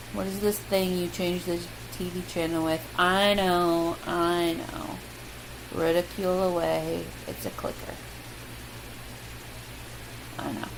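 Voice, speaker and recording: There's vocal fry in this young woman's low-leaning voice as she reads a word list in a relaxed, chatty way. She's a Midwestern American vlogger given to ums and self-deprecating comments, recorded with a loud steady hiss.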